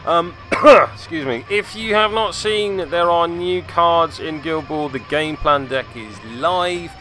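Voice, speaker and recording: The recording is low quality with faint music behind him as a British man recaps a tabletop game for his battle report channel. His voice is a little high and sharp, and he goes slowly, offering rambling, self-deprecating and wry commentary without a script.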